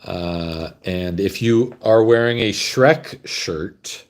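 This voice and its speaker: A man's voice: fairly low pitch, slow. Canadian dude rambling on a home livestream, chatty, messing with his camera. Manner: rambling, chatty, fumbles with gear. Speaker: host. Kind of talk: casual livestream chat.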